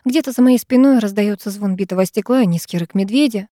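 A woman's voice: medium pitch, quick pace, mellow, dry recording, clean studio sound. A woman narrating first-person fiction as an audiobook, dramatic and emotive.

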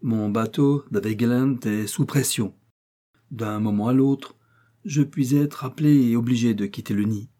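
A man voicing a cheerful fortyish naval captain, speaking jovially and with a raised, lively voice, in an audiobook. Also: medium pitch, normal speed, close to an everyday voice. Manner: jovial, warm-hearted.

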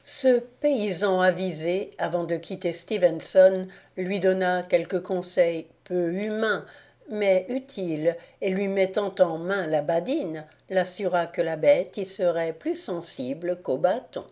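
A woman narrates an audiobook at an unhurried, deliberate pace. Her voice sits a little low and sounds soft and mellow. She keeps a calm, even storytelling tone. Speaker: audiobook reader. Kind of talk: scripted narration.

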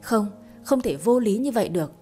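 Woman narrator putting on a clingy, hysterical young woman, mellow low-key tone, storybook reading, faint music underneath. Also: expressive, a little fast, natural voice. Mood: desperate.

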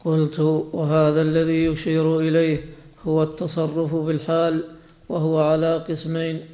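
A man reads a religious text aloud in class, in a measured and even recitation. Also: on the high side. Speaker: student reading the text aloud.

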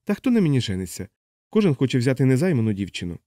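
A male audiobook reader voicing a quick-tempered young Italian woman, insistent and indignant, in a dry recording. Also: medium pitch, very animated, mellow, no echo, close to an everyday voice. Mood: plain.

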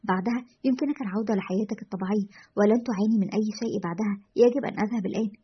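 A woman's voice: medium pitch, rapid-fire, slight background noise, natural voice. A woman voicing a man radio host who speaks firmly and gives instructions. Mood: commanding. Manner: firm, instructing. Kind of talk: storytelling narration. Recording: lo-fi dull audio.

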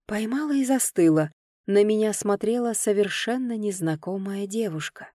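A woman reads a first-person novel aloud with lively, expressive storytelling. Her voice is warm and mellow in the middle range. The recording is dry and close. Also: medium pitch, normal speed, dry recording. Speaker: audiobook narrator. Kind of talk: first-person audiobook narration.

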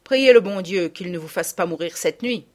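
A stern, composed lady guardian from a storybook, voiced by a woman narrator, laying down punishments in a calm, measured and severe tone. Her delivery is even on the surface but moves through a lively spread of pitch. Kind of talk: audiobook reading.

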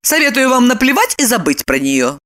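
A sharp-tongued, gloating woman with a shrill, squeaky voice that leaps up on every jab, as a woman narrator puts her on. Her pitch swings widely as she mocks and lectures. It is an audiobook character voice. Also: sing-song, brisk. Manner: shrill, mocking, with swooping exclamations.

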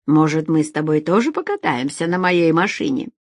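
A woman's voice: sits low, animated, a little fast, no echo, studio quality. A woman voicing a grumbling, suspicious male manager.

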